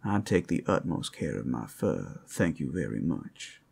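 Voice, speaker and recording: In an intimate ASMR roleplay, a man with a bass voice plays a playful, flirtatious, friendly werewolf, teasing and smooth-talking a single listener. His delivery is sing-song, a little slow and mellow, and heavily acted.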